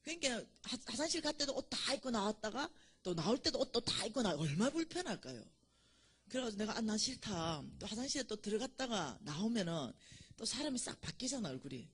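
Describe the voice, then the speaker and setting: A woman's voice: on the high side, sing-song, fast, breathy edge. A woman, giving a church lecture in a chatty, storytelling way and laughing at her own jokes. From Gyeongsang Province, South Korea. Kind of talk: church lecture with humorous anecdotes.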